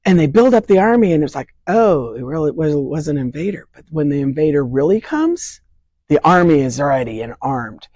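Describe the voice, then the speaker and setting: An older woman with a hoarse, low-pitched, dark-toned voice earnestly explains things using vivid analogies. She's the state leader of a vaccine advocacy group, giving explanatory interview answers remotely from home. The recording is dry.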